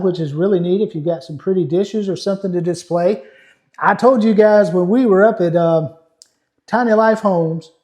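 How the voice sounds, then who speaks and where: A man with a fairly high, soft-edged voice hosts a walkthrough tour. He talks in a chatty, folksy, unscripted way, speaking straight to the viewers. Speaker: host of a tiny house tour channel. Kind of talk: casual unscripted walkthrough narration.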